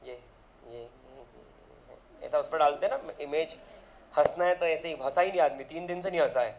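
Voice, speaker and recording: A man's voice: on the high side, quick pace, slight background noise, poor audio. A man teaching physics in a casual lecture, drifting into chatty side rants and firing rhetorical questions at his students.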